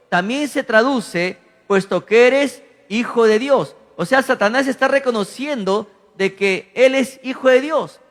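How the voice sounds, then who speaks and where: A man preaching a teaching sermon, repeating verses and telling listeners to write notes, rising sharply in pitch and volume when reading the demons' cries. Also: a bit bright. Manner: repeats verses and lines for emphasis. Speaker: pastor. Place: church. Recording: long church hall reverb.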